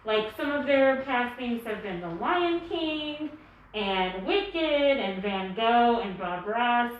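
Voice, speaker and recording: A woman's voice: a little high, animated, slow. A woman giving a casual guided tour as a guide, her voice slightly muffled through a face mask. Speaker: exhibit tour guide and co-curator. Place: indoor art gallery. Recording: very echoey room.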